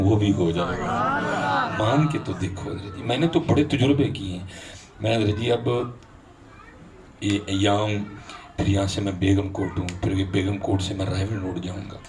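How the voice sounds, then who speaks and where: Deep-voiced preacher at a distance. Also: male voice. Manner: slow chanted Arabic recitation between conversational Urdu talk. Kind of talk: sermon. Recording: distant mic with noisy background.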